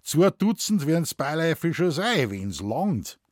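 A man voicing a gruff, deadpan old forest warden with a Bavarian accent, telling tall tales in dialect. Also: on the high side, measured pace, no room sound, clean studio sound, pitched above the performer's own voice.

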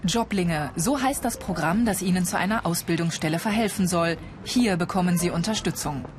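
A woman's voice: on the low side, normal speed, background noise. A woman reading scripted narration for a television news report.

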